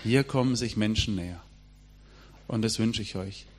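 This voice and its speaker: A man's voice: on the low side, moderate pace. A middle-aged man preaching a sermon, speaking emphatically and addressing the congregation directly.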